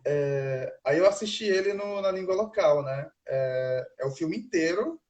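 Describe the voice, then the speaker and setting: Relaxed male interview host. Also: fairly high pitch, unhurried, highs cut off. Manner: relaxed, rambling questions with fillers. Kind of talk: casual interview.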